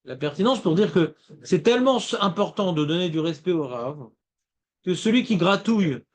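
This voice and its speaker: A man with a high-pitched voice leads a Talmud class. He explains in a lively, playful way and keeps checking whether his students follow. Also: moderate pace. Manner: lively, asks students questions, playful rhymes. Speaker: Talmud teacher.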